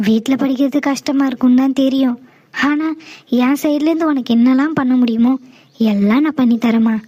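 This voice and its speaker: An actress voicing a caring young village woman in an animated drama, speaking gently. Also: sits high, fairly quick. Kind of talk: animated cartoon voice acting.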